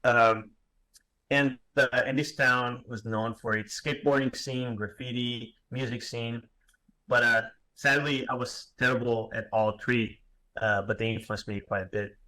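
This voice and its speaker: In poor-quality audio, a man in his thirties from Portugal, a graphic designer, lectures online in English with a Portuguese accent. He speaks haltingly with lots of fillers and restarts and pokes fun at himself, his medium-pitched voice bright and forceful with fairly even intonation.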